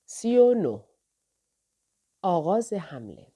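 A woman narrating an audiobook of a historical novel in a steady, measured reading. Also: fairly low pitch, breathy edge.

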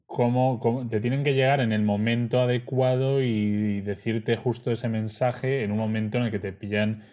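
A man, a relaxed storyteller in a casual conversation who often adds tag questions. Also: mid-range voice, normal speed.

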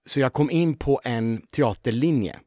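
Male actor guest, mid-pitched, dry close mic, rambling storyteller. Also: no echo. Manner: animated storyteller full of fillers. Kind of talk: casual storytelling interview.

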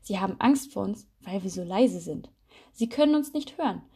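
A little male spider who knows exactly why people get startled, speaking with calm certainty, as a woman puts him on. The voice sits a touch higher than plain reading, soft and mellow, a storybook friend. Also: normal speed, husky. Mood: confident. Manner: confident, explaining.

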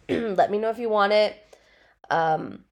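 A woman's voice: mid-range voice, takes it slowly, creaky. Chatty woman host with a stuffy nose. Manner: chatty, swears freely, leans heavily on "like". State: stuffy nose, voice still recovering from a cold. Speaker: podcast host. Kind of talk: casual solo podcast chat. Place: at home with her dogs nearby.

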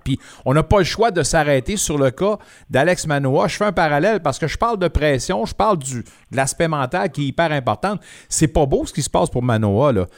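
Lively sports radio host. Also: male voice, fairly high pitch. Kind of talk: sports talk radio hosting.

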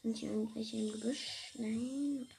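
Slow-talking woman with a gravelly voice. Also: a little high, slight background noise. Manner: chatty and excitable, jokes with viewers, drops to whispers. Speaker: gaming video creator. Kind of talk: casual let's-play commentary.

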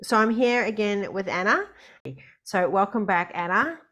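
A woman's voice: medium pitch, moderate pace, fairly bright tone. A woman hosting a podcast in a conversational way. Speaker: podcast host.

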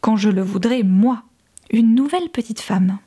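A woman voicing a cruel middle-aged father who speaks in a low, hushed whisper. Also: moderate pace, husky. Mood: mocking.

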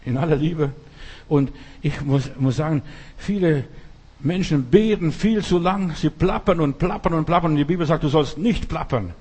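Veteran male pastor, fervent repetitive preaching, raised pitch. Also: moderate pace, a little mellow, slightly rough. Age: older. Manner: emphatic, repetitive preaching with dramatic prayers. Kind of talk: sermon.

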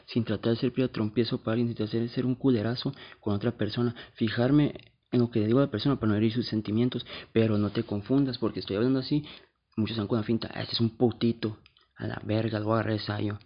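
Brief: podcast host, rough gravelly voice, blunt and confessional, slightly muffled sound. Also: male voice, mid-range voice, fairly even intonation, fast. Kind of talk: casual monologue.

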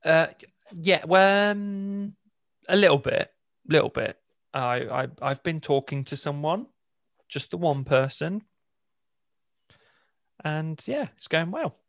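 A man's voice: a little high, animated, takes it slowly, creaky, long pauses, a bit bright, dry recording, clean studio sound. A British man hosting and editing a podcast, chatting in a laid-back, self-mocking way and laughing often. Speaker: podcast host and editor. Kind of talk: casual banter.

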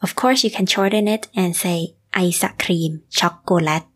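A woman teaching on a podcast, spelling out each word slowly and carefully. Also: mid-range voice, a bit bright. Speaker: Thai language teacher. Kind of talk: podcast language lesson.

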